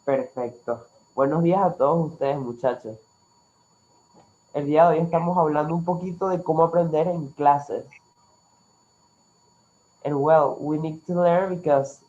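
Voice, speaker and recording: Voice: medium pitch, normal speed, long pauses, darkish tone, muffled recording. An English teacher with a Latin American Spanish accent, a native Spanish speaker, leading an interactive online class in an encouraging, instructive manner. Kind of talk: interactive online language lesson.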